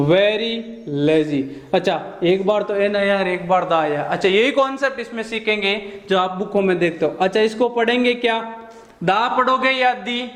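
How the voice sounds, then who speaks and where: High-voiced male teacher, slow and echoey. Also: fairly bright tone. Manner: asks questions and answers them himself, drawn-out repetition. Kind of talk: online exam-prep class.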